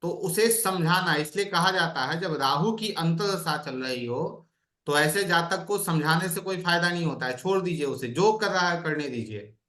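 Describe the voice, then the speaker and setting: A man's voice: a little high, moderate pace, pushed and bright, echoey room. A man teaching an online astrology class, explaining by asking his students questions.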